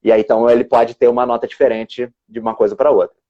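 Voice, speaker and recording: An English teacher and exam examiner explains things on a live stream, often restarting his words. He has a mid-range voice, level tone, and talks fast, heard through dull lo-fi video call audio.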